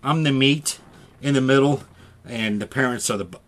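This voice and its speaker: Stammering bright-voiced Midwestern man. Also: medium pitch. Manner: halting, stammering restarts, laughs easily. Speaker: podcast co-host. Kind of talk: casual chat.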